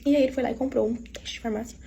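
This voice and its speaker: A woman's voice: fairly high pitch, fairly even intonation, very fast, gravelly, dark tone, a little hiss or hum. A woman with a Minas Gerais accent telling her own story to her audience in a casual, confiding way and often speaking to the listeners directly. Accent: Minas Gerais Portuguese.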